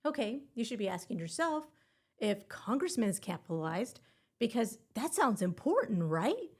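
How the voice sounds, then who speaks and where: A woman's voice: fairly high pitch, big pitch swings, moderate pace, husky. A woman hosting a scripted exam-prep podcast and teaching grammar in a playful, upbeat way with puns.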